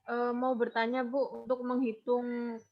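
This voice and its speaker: A woman's voice: on the high side, monotone. Hesitant woman student on a muffled call. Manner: hesitant, halting questions, polite and deferential.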